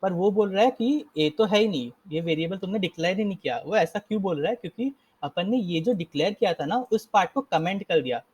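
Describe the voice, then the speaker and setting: A man's voice: high-pitched, lively intonation, a little fast, hardly any pauses, darkish tone, husky. A young man casually teaching a live coding lesson, explaining step by step and often correcting himself. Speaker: coding instructor.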